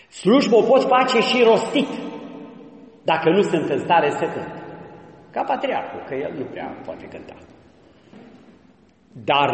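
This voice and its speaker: A man preaching a sermon as a priest, emphatic and teaching, asking his listeners rhetorical questions. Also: fairly high pitch. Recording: echoey hall with long reverb.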